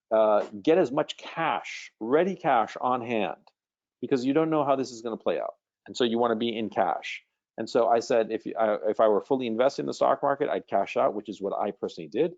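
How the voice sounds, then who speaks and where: A man's voice: medium pitch, moderate pace, a little mellow, dull audio. A man hosting a live webinar Q&A as a coach, talking bluntly and casually and swearing freely.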